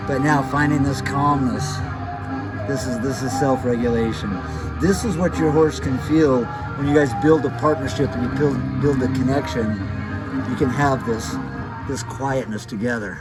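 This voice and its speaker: A man giving a casual motivational talk to camera, emphatic, pausing and repeating phrases. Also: mid-range voice, low-quality recording. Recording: music behind the voice.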